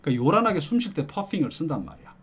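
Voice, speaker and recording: A middle-aged man delivers an exam-prep lecture very fast, his voice on the high side and slightly rough. Lively and coaxing, he explains and poses questions to students, often asking "got it?" ("알겠죠?").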